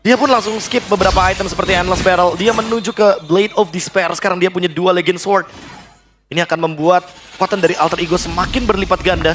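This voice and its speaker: High-voiced, quick Indonesian male esports analyst. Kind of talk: analytical live esports commentary. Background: music.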